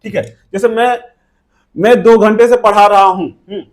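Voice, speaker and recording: A man's voice: high-pitched, fairly even intonation, moderate pace. A man with an Indian accent giving a classroom English grammar lesson, drilling sentence pairs and asking and answering his own questions. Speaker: English teacher.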